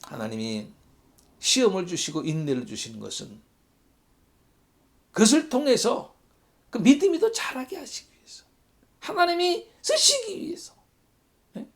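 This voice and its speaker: High, lively-voiced Korean pastor. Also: male voice, moderate pace, gravelly, long pauses. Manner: reads scripture aloud, asks the congregation rhetorical questions. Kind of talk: Bible study sermon.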